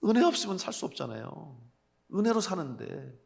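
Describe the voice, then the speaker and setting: A man preaches a sermon, his voice pitched a little higher than most men's. He addresses the congregation directly with rhetorical questions and alternates forceful emphatic lines with soft, low asides. The sound carries a long reverb from the church sanctuary. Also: very animated, normal speed, vocal fry. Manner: swings between loud emphatic calls and soft low asides. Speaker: senior pastor.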